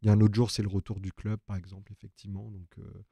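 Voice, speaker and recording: Low, mellow-voiced male journalist. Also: little pitch movement, quick pace, vocal fry, breathy edge, no room sound. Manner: explains at length, thinking aloud. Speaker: journalist on the ecology desk. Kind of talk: casual live chat. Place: open newsroom.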